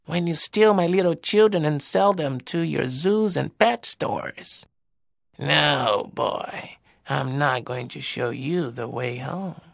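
A man voicing a resentful macaw in a storybook tale, slow and indignant. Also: a little high, gravelly, no echo, studio quality, exaggerated voice. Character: resentful proud macaw bird.

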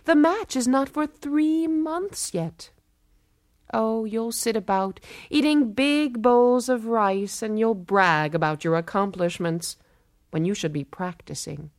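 A woman voicing a bold young woman who playfully scolds a strongman, brisk and teasing. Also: fairly high pitch, dry recording, clean studio sound.

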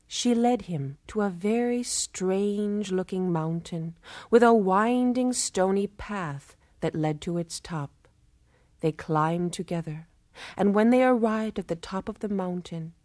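A woman telling a folktale in a measured, lilting, rhythmic way. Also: lowish voice, a little mellow, no room sound, studio quality. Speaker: storyteller. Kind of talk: expressive folktale narration.

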